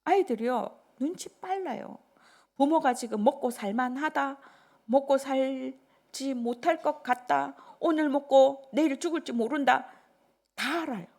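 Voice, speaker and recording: An older woman pastor preaching a sermon in an animated, conversational way, dropping into whispers between loud bursts. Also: high-pitched, unhurried.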